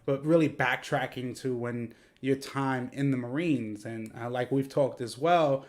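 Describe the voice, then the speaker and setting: A man's voice: mid-range voice, a little slow. A man hosting a podcast interview, rambling through long questions full of fillers. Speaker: podcast host.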